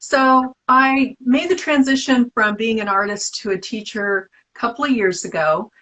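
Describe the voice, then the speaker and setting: A woman's voice: fairly high pitch, normal speed, fairly bright tone, poor audio. A middle-aged woman artist from the Bay Area, talking casually and at length in an interview, with many restarts and fillers. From San Francisco Bay Area. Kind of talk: casual interview over a live video stream.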